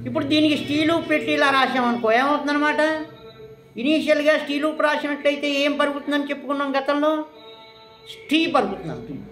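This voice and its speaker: Female shorthand teacher with a high voice, quizzing in a classroom style; roomy echo, light music bed. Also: lively intonation, quick pace, a bit bright. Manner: quizzing, asks questions and answers them herself. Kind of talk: classroom lesson.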